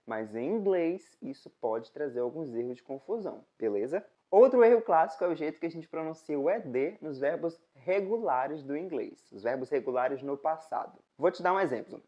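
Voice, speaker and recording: A woman from Brazil with a Brazilian Portuguese accent, teaching in a casual video lesson, explaining step by step and slowly repeating example words. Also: low voice, highs cut off. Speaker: English teacher.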